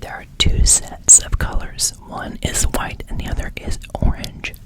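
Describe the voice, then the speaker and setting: A man whispering an ASMR ramble close to the microphone, softly repeating words and phrases as he goes. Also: unhurried. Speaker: ASMR video creator and host. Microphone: close microphone, brushed as he talks.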